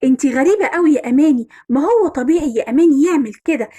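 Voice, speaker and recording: A woman with an Egyptian accent voicing a young woman gently advising her friend. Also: high voice, lively intonation, very fast.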